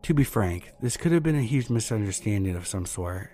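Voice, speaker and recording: A man narrating a listener's true horror story in a measured, earnest way. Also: fairly low pitch, lively intonation, warm tone, slight background noise. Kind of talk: reading submitted true scary stories. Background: faint background music.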